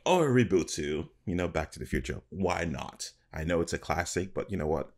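Very deep, gravelly man, casual reactor. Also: big pitch swings, fairly quick. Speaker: reaction video host. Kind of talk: casual trailer reaction commentary. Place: small room at home, indoors.

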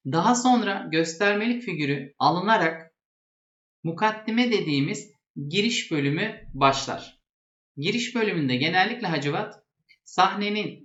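High-voiced man giving an explanatory lesson. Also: fairly bright tone. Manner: didactic, restating terms plainly. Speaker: presenter explaining traditional theatre. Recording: echoey, dull lo-fi sound.

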